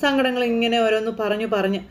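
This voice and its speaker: Fast-talking woman recapping a serial. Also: on the high side, a little hiss or hum. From Kerala. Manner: chatty, rambling retelling with frequent "you know" tags. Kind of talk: casual spoken recap of a TV serial.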